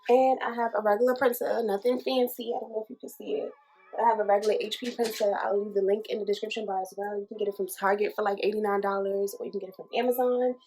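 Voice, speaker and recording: A woman's voice: medium pitch, little pitch movement, fast talker, darkish tone. A woman who runs a small candle business, giving a casual how-to tutorial in a chatty way, calling her viewers y'all, a little out of breath.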